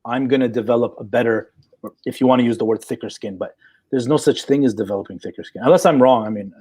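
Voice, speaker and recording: A man's voice: medium pitch, quick pace, darkish tone, slightly rough. A man in his forties, a psychologist in a live chat, talking assertively and checking in with "okay?" as he explains. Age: 40s. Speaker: guest psychologist.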